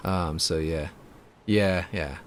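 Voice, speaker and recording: Music plays as a man casually chats on a live stream, working on a game map and rambling with frequent fillers and restarts. His fairly deep voice moves at a slow pace, with slight background noise.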